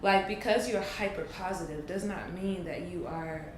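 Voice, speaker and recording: Woman, late twenties, lower voice; earnest reflective talker, echoey room. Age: 20s. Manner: earnest, thoughtful, drawn-out pauses. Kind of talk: reflective casual chat. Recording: echoey room with faint noise.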